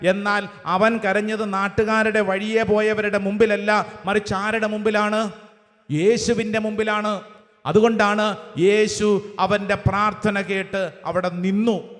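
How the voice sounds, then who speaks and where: A priest with a high-set voice delivers a sermon, calling out verses one phrase at a time for the listeners to repeat. His words ring out with a long reverb, as if spoken in a large church hall. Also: little pitch movement, a little slow, fairly bright tone. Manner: cites verses with English chapter numbers. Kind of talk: sermon with call-and-response.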